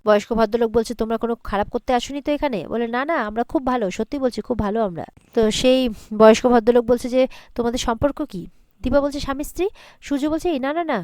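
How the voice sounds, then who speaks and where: A woman's voice: a little high, fast, a little mellow, dry recording. A woman retelling a TV serial episode in a casual recap, relaying the characters' dialogue with small restarts.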